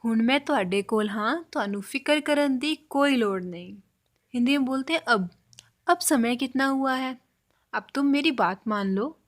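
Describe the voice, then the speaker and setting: A woman teaching a spoken language lesson, slowly repeating example phrases for learners. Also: high voice.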